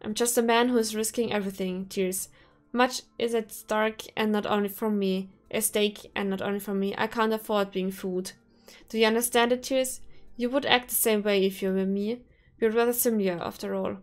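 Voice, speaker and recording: Woman doing a calm manipulative male professor, coaxing, veiled threats, level tone, faint music. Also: medium pitch, moderate pace, lightly acted. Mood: menacing. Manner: smooth, coaxing, coldly threatening. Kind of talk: visual novel read-aloud.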